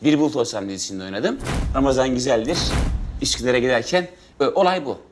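A man's voice: mid-range voice, animated, quick pace, over music. A man in his forties from Turkey, an actor at an audition in a sitcom, overly polite and stammering with fillers. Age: 40s. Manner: bursts into shouted raging rant. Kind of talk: sitcom acting.

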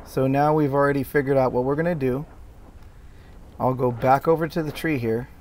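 A middle-aged man narrates his own work video in a casual, explanatory voice-over. He speaks at a middle pitch, often stopping and restarting his sentences. A faint hiss runs underneath. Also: fairly even intonation, normal speed, darkish tone. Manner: plain, explanatory, with many fillers and restarts. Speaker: tree care worker explaining his video.

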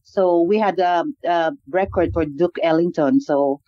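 A woman from the Philippines with a Filipino accent, a singer-songwriter chatting quickly as an interview guest. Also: on the low side, no echo, dull audio. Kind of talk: casual interview.

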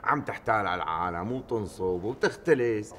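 An actor with a Syrian accent playing a cheerful, easygoing petty thief with a breezy manner. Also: male voice, fairly low pitch, brisk, slight background noise. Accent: Syrian Arabic. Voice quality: breezy, animated.

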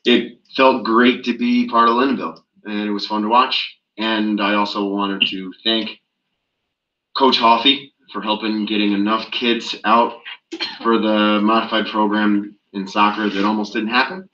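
A man's voice: lowish voice, flat delivery, a little slow, sharp tone. A man on a school board enthusiastically thanking staff and coaches. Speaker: board member. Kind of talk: meeting remarks. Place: school library meeting room. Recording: echoey lo-fi meeting room.

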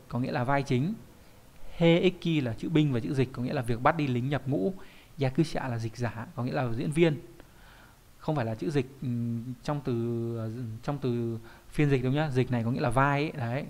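In an online class, a Japanese teacher with a medium-pitched voice walks through kanji. He has a habit of asking questions aloud and supplying the answers on his own.

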